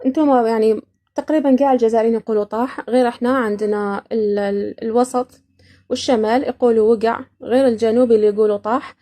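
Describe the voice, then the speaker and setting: A woman's voice: on the high side, steady tone, quick pace, mellow. A woman from Iraq hosting a podcast, casually explaining words and laughing often between points. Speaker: podcast host.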